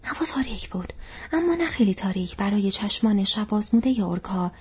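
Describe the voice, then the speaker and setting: Woman in breathy whispered audiobook narration. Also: mid-range voice, dull audio. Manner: steady, hushed reading.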